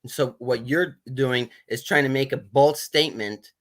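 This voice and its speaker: A male caller argues hard in a heated debate, combative and insistent, cutting in again and again. His voice sits at an ordinary pitch for a man. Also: unhurried, fairly bright tone. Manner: combative, insistent, keeps interrupting.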